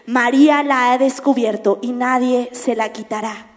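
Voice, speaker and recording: A woman preacher voicing Jesus as a gentle, kind man speaking tenderly and slowly. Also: high-pitched, in a large hall.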